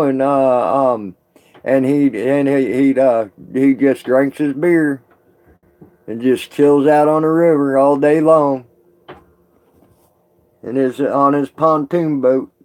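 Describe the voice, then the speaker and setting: A man's voice: fairly high pitch, fairly even intonation, slow, darkish tone. A man chatting casually on a live stream with viewers, rambling and folksy, laughing often.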